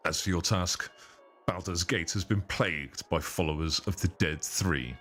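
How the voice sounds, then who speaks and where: A game master using a voice changer that deepens his voice, playing a stern, commanding male captain of the city guard who gives curt orders. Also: normal speed, fairly bright tone, soft background music.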